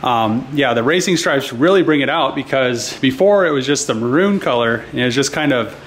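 A YouTube host in his thirties runs a casual car vlog, starting in a car garage and then moving indoors at home, chatting easily with plenty of fillers. He speaks a little fast in a mid-range voice with lively intonation, over slight background noise.

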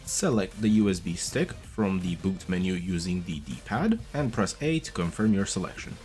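Speaking at a moderate pace, this tech video host gives a casual, chatty tutorial walkthrough in a low voice whose pitch rises and falls a lot, patiently covering each step. Soft music runs beneath him as he talks close to a boom-arm studio mic in a small room, headphones on.

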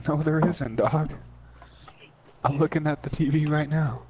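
A man with a slightly high voice banters with friends while gaming. He talks casually, swears freely and likes to needle the others. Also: steady tone, a little slow, dull audio, crowd noise. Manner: profane, teasing banter. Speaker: gamer. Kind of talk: casual game chat.

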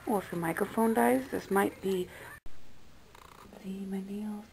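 A woman's voice: medium pitch, fairly even intonation, a little slow, vocal fry, a little mellow, a little hiss or hum, rough recording. A woman vlogger talking loosely and chattily as she shows off her gifts, recorded on a phone. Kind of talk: casual haul vlog.

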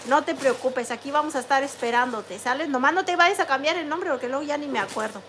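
High-voiced chatty woman livestreamer. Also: quick pace, a little hiss or hum. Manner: chatty, warm greetings to each viewer, reads chat names aloud. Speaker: livestream host. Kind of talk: casual livestream chat, reading comments aloud.

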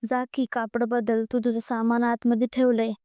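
A woman's voice: fairly high pitch, completely flat delivery, normal speed, warm tone, clean tone, dry recording, studio quality, lightly acted. A woman voicing a bossy older woman of the household who teases and scolds the family. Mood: teasing. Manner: bantering, scolding.

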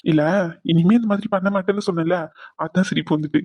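A man voicing an apologetic young husband in a cartoon drama, talking gently and coaxing. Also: sits high, fairly even intonation, fast, no echo. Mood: soothing.

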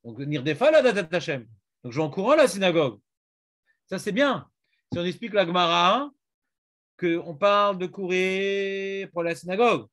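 A man's voice: high voice, a bit bright. A man teaching a Talmud class, questioning and prodding his students.

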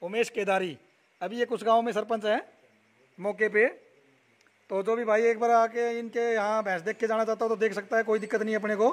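A young male dairy vlogger from Haryana, India, tours a buffalo shed at night in a casual walk-around video that includes an interview. His voice is high with little pitch movement, and he repeats figures and names back while filling pauses with lots of "a" sounds.

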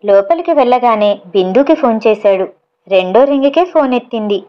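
A woman reading a story aloud as storyteller, in a steady, even manner. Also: on the high side, brisk, clear, resonant tone, muffled recording.

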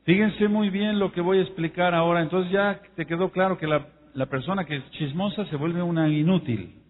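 A man preaching a sermon to his congregation, emphatic, his voice rising and falling, slowing down to spell out words. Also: high-pitched, fairly even intonation. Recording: echoey hall over a tinny phone-like line.

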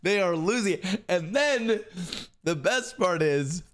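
A man's voice: high voice, slow. A young man streamer telling a rowdy, swearing story in casual chat, acting out his friends' voices. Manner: animated, swears freely, acts out friends' voices.

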